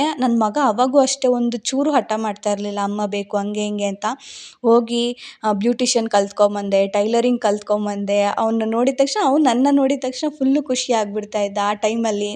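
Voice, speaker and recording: Young woman vlogger with a rural Bangalore Kannada accent, slightly high voice, heartfelt reflective storytelling. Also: mellow. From Karnataka, India. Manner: heartfelt, reflective, repeats phrases while recalling. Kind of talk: personal storytelling vlog.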